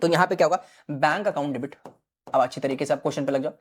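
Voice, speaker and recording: A male accountancy teacher gives an online exam-prep lecture in a slightly high, rapid-fire voice, with slight background noise. He explains things step by step, keeps checking in with his students, and mixes in English terms.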